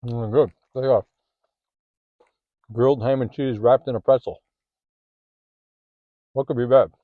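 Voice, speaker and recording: A man's voice: medium pitch, fairly even intonation, unhurried, no echo, narrow, tinny audio. A man hosting a casual food vlog, chatting as he eats, sometimes with his mouth full, filming one-handed in a parked car. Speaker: food vlogger. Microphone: handheld phone or camera.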